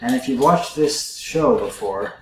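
A man's voice: mid-range voice, animated, unhurried, a little hiss or hum. Guy chatting thru his game for viewers, echoey room, faint clatter behind. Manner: chatty, musing aloud to viewers. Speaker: let's play host. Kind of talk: casual gameplay commentary.

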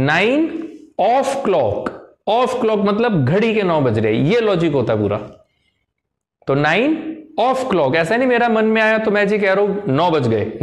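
A man teaching an English lesson in Hindi to a class, chatty and repetitive, often checking in with the students. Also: high voice. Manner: chatty, repeats phrases, often checks with "theek hai?". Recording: echoey room.

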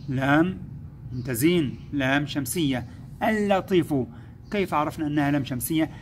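Male schoolteacher, slightly high voice, patient step-by-step lesson delivery, faint hiss on the track. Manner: patient, explains step by step, slows to sound out syllables; addresses pupils as "my sons", praises them. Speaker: first-grade Arabic teacher. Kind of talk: recorded classroom lesson.

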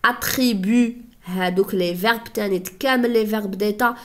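A woman's voice: medium pitch, moderate pace. A woman with an Algerian Arabic accent explains grammar to a class. She asks the students questions and then answers them herself, one step at a time. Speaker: French teacher.

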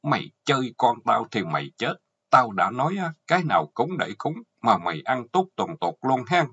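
Casting: a man playing a vengeful wife, Southern Vietnamese accent, shrill and scolding, husky edge. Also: very animated, normal speed, bright, forceful tone, heavily acted. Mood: furious. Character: furious vengeful middle-aged wife. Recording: dull lo-fi audio.

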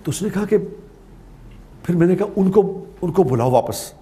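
A man's voice: high voice, expressive, dark tone. A man from Pakistan giving a religious talk, telling a story with repeated phrases for emphasis. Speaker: preacher.

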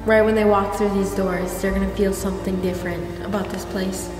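A woman's voice: medium pitch, little pitch movement, brisk. A teenage girl speaking hesitantly, with many fillers, in an interview. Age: teens. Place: large empty hall. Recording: echoey hall from far off, music.

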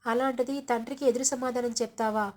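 A woman voicing a distressed middle-aged mother who pleads slowly. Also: a little high, steady tone, a little mellow, close to an everyday voice. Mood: pleading.

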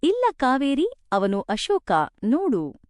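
A woman voicing a gentle, patient elderly mother-in-law who speaks softly and soothingly in a spoken storybook. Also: high-pitched, big pitch swings, takes it slowly, no room sound, pitched above the performer's own voice, exaggerated voice. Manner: soft, soothing.

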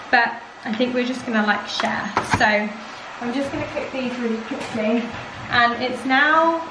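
Young woman vlogger, bubbly and chatty, slightly high voice, recorded on a distant camera mic. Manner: chatty and enthusiastic, many likes and literallys. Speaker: lifestyle vlogger. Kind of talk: casual vlog chat to camera. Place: home and shops, indoors. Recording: roomy sound, distant mic, clear background noise.

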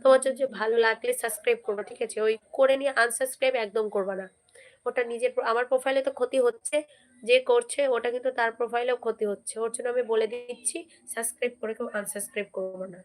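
A hoarse woman hosting a casual live stream, chatting and repeatedly urging viewers to comment and subscribe. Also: fairly high pitch, steady tone, quick pace.

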